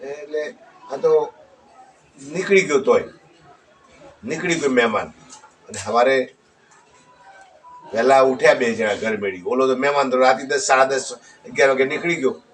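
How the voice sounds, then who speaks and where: A man's voice: mid-range voice, measured pace, pauses often, fairly bright tone. A man telling a rambling folk story and closing with a moral, repeating his phrases. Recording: distant mic with faint background noise.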